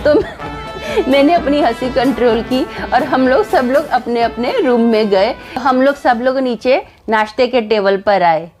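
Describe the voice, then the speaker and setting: A woman's voice: sits high, expressive, unhurried, darkish tone, faint music behind. A woman telling a story in a casual, chatty way, laughing at it as she goes. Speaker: storyteller vlogger.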